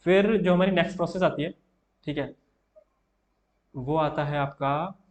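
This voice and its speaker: A young man with a slightly high voice teaches an exam-prep chemistry lesson. He talks casually and often checks in with his viewers as he explains at the board. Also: unhurried. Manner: casual, repeats "theek hai" often, writing on board.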